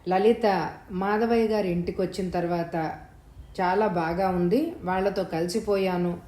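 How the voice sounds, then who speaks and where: A woman narrating a novel episode in a calm, even storytelling manner. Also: on the low side, unhurried. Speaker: audiobook narrator. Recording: roomy echo.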